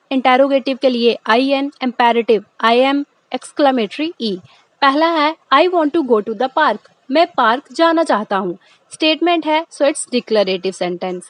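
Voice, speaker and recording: A woman teacher, her voice set high. She works through exercises, reading each line out slowly and then explaining it in Hindi. The recording is dry and close. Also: dry recording. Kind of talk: explaining a school lesson.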